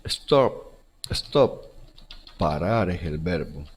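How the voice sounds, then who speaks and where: Slow, husky male teacher. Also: sits low, animated. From Central America. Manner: slow, repeats each word and rule, stresses English examples. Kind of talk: recorded school lesson.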